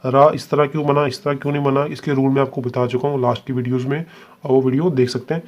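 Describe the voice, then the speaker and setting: A man's voice: mid-range voice, little pitch movement. Patient male shorthand teacher. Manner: patient, repeats "ठीक है" and spells sounds out slowly. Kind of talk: step-by-step video lesson.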